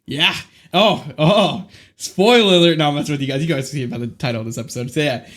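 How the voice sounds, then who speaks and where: A man's voice: on the high side, fast talker, a bit bright. A man hosting a casual podcast, hyped and cursing, often stumbling over his words. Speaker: podcast host.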